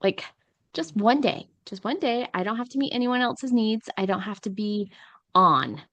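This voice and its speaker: A woman's voice: medium pitch, expressive, normal speed, a bit bright, dry recording. Rambling middle-aged woman, very dry sound. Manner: rambling, filler-heavy, uses many "like"s. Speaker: podcast co-host. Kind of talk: casual podcast chat.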